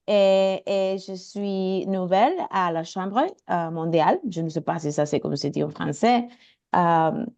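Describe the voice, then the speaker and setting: A woman from Mexico with a Mexican Spanish accent, introducing herself informally and apologetically searching for words in a language she speaks haltingly. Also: on the low side, dark tone. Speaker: networking meeting participant introducing herself. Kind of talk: informal self-introduction at an online meeting. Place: indoors, video call.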